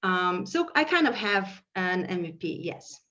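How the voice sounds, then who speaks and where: A woman's voice: lowish voice, very animated, unhurried, sharp tone. A woman, a startup founder, introducing her idea with many fillers. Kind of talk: pitching on a video call. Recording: muffled video call audio.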